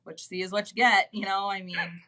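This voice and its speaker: Bright-voiced chatty woman guest. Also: mid-range voice, little pitch movement, fairly quick. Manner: chatty, heavy use of "like" and "you know". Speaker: guest, business executive. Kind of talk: casual interview chat.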